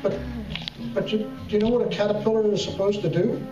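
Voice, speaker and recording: A man's voice: sits high, fairly even intonation, fast. A man doing comedy magic patter like a kids party magician and emcee, playfully coaxing the audience to respond. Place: echoey hall, talent show stage. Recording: echoey hall from far off, muffled, music and crowd.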